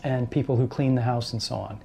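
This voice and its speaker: A man, a paranormal researcher telling his experiences in a casual, animated way. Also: mid-range voice, a little fast, vocal fry, a little hiss or hum. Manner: animated storyteller, acts out quoted voices. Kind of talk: casual storytelling interview.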